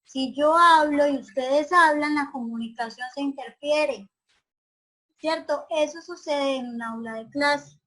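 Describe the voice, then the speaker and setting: A woman's voice: sits high, unhurried, a bit bright, poor audio. A woman teacher giving an online class. She asks her students many questions and often checks whether they agree.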